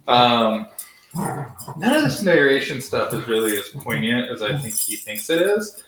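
A man's voice: mid-range voice, big pitch swings, normal speed, a bit bright, roomy sound, a little hiss or hum, rough recording. A man hosting a casual TV review, rambling, sarcastic and profane. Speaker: TV review host. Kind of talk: casual spoiler review chat.

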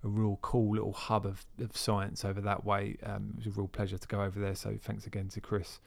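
A man's voice: lowish voice, completely flat delivery, brisk, gravelly. A man hosting a podcast, introducing the guest in a chatty, informal way. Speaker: podcast host. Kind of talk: casual podcast intro and interview.

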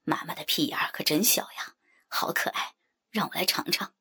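A woman's voice: sits low, moderate pace, sharp tone, husky, pitched below the performer's own voice, heavily acted. A woman doing a teasing son in whispered role-play. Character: teasing grown son, male, mocking.

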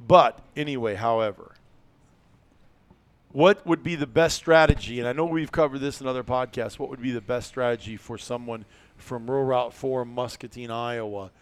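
A man's voice: mid-range voice, moderate pace, smooth. A man in his fifties co-hosting a podcast, joking and playful in casual chat. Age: 50s. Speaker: podcast co-host.

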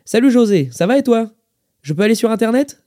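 A man's voice: sits high, expressive, quick pace, dark tone, voice pushed up. A man voicing a shy, hesitant young kitchen worker. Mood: timid.

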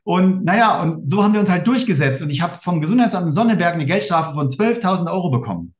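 A man with a German accent telling his story fast and emphatically in a casual interview, acting out quoted exchanges. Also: high-pitched, expressive, echoey room. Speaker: interview guest.

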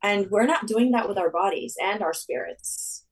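A woman dentist from Saudi Arabia chatting as an interview guest, animated and full of restarts. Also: mid-range voice, normal speed, distant mic, rough recording. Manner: animated, rambling with many restarts. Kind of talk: casual interview talk.

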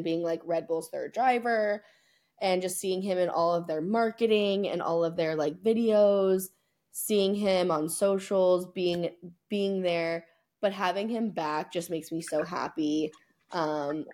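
A woman with a lowish, darkish voice co-hosts a podcast of casual sports chat. She speaks emphatically and with strong opinions, leaning heavily on hyperbole.

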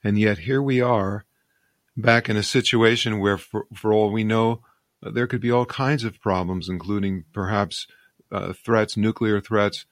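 Male interviewer, slightly low voice, dry recording; conversational, musing delivery with halting, piecemeal phrasing. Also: fairly even intonation, no echo. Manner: hesitant, musing, broken-up phrasing. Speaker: interviewer, show host.

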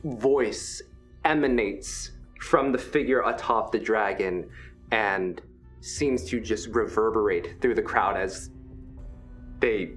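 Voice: mid-range voice, slow. A game master narrating a tabletop role-playing game with dramatic, suspenseful scene-setting. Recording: music behind the voice.

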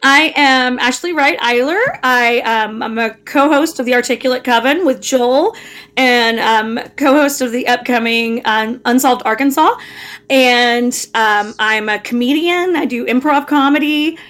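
A woman's voice: sits high, measured pace, fairly bright tone. An enthusiastic, gushing woman chatting casually as co-host of a panel. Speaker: podcast co-host.

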